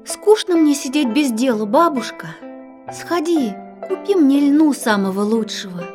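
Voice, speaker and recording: A woman voicing a meek, polite young girl in an audio fairy tale, speaking softly. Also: high voice, expressive, unhurried, music in the background.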